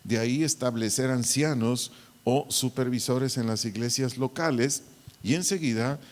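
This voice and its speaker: Pastor teaching in a reverberant hall. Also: male voice, mid-range voice. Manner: deliberate, repeats and spells out key words. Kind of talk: Bible teaching to church servers. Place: church hall.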